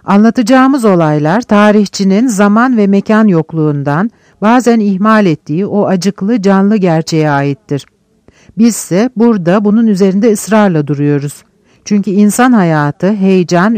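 High-voiced man reading a novel aloud. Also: darkish tone, dry recording. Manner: measured, declamatory reading in short phrases. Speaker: audiobook narrator. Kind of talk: scripted literary narration.

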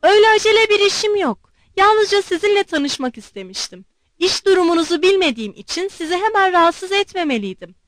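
A woman's voice: extremely high pitch, big pitch swings, a little fast, no room sound, voice pushed up. A woman reading as an earnest, humble young prince. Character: gentle young male prince, sincere and humble.

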